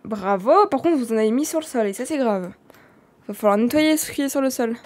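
Woman streamer, French accent, high-ish and theatrical, live role-play. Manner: animated, dramatic, quick swings in loudness.

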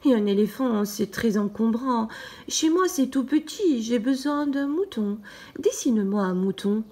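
A woman's voice: fairly high pitch, expressive, a little slow, dark tone. A woman doing a curious little boy prince. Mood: insistent. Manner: insistent, wondering questions.

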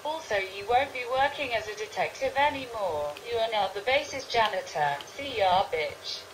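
A bossy, insulting female boss from a comedy sketch, voiced by a synthetic woman. Her voice is fairly high, with a flat text-to-speech delivery. Clear background noise runs through the amateur recording. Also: normal speed, close to an everyday voice. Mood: bossy, scornful. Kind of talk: scripted comedy sketch message.

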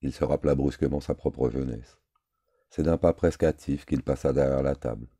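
A man reading a novel aloud in a measured, terse storytelling manner. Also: extremely low pitch, warm tone, husky, dry recording. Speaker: audiobook reader. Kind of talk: scripted novel narration.

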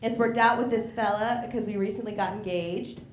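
A young woman from the American Midwest performing a stand-up comedy set, acting out both sides of her arguments and jumping into shrill outbursts. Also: fairly even intonation, moderate pace, very noisy. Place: comedy theater stage before a live audience. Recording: echoey room, loud audience laughter.

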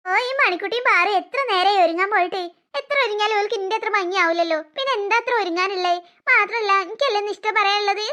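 A woman's voice: very high voice, quick pace, hardly any pauses, pushed and bright. Woman voicing a vain cartoon elder sister. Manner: dreamy, self-admiring, then whiny. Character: vain young woman admiring her own beauty. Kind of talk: cartoon story voice acting.

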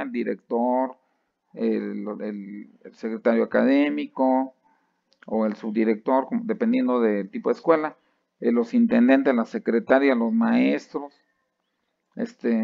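Gravelly man giving a lecture. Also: medium pitch, no echo. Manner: lively, asks the class "¿sí?" often, many restarts. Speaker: university lecturer. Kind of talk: classroom lecture. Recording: dry, slightly dull sound.

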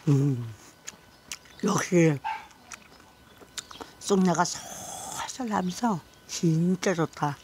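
A woman's voice: on the low side, extremely slow, long pauses. A middle-aged woman hosting an eating vlog, talking and humming with her mouth full while she chews, blunt and savoring. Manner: blunt, savoring with long hums. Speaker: mukbang channel host. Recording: clear background noise.

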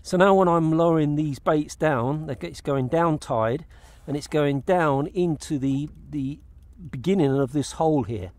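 A man's voice: on the high side, unhurried, few pauses, a little mellow, no echo. A middle-aged man on a kayak out on open water, talking casually to an action camera and explaining his fishing step by step, often restarting his phrases. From England. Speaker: fishing vlogger. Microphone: action camera mounted on the kayak.

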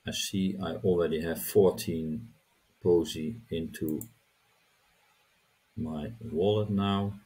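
Middle-aged man, tutorial host: deep and husky, unhurried, halting, repeats words as he clicks. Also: fairly even intonation, mellow. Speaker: crypto channel host. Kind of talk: screen-recorded tutorial walkthrough.

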